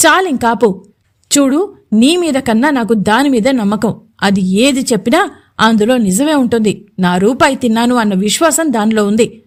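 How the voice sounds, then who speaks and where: A woman voicing a domineering, jealous male landlord who threatens his servant, slow and emphatic. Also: on the high side, expressive, natural voice. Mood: bossy.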